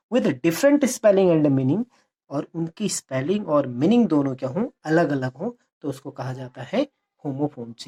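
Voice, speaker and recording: A woman with an Indian accent teaching terms for an exam. She drags out English definitions slowly, explains faster in Hindi, repeats key words and asks rhetorical questions. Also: sits low, dark tone, slightly rough. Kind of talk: exam-prep lesson.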